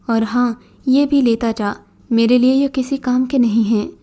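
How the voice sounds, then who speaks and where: A scornful old jinn in a beggar's guise, mocking and bossy, as a woman storyteller reads him. The voice sits fairly high and mellow. It sounds like a storybook being read aloud. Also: fairly even intonation, lightly acted. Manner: scornful, commanding.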